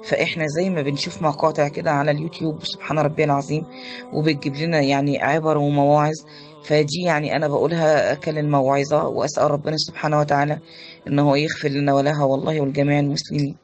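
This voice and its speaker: A woman's voice: low-pitched, little pitch movement, very fast, a little mellow. An Egyptian woman in her forties, a corpse washer, talking in a voice message in a shaken way and repeating pious phrases.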